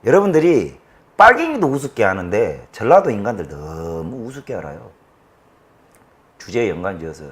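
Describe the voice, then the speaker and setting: A man with a Jeolla Korean accent hosting a political commentary show, ranting in a fiery, profane way that swings from shouting to low muttering. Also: very animated, moderate pace. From Jeolla, South Korea. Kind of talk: political rant to an audience.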